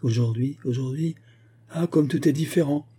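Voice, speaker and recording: A man's voice: moderate pace, dark tone, breathy edge, natural voice. A man voicing a melancholy young bride speaking wistfully in a storybook reading. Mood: wistful sad. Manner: wistful, melancholy, raised pitch. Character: young anxious bride on wedding morning.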